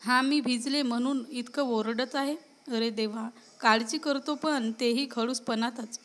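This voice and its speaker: A woman voicing a lively young college girl who talks back playfully and gets indignant. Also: a little high, measured pace.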